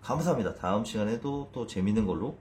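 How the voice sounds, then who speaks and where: Male fitness trainer, 30s, animated swinging delivery, casual and self-deprecating, frequent restarts. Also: lowish voice, quick pace, slight background noise. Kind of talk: casual explainer video.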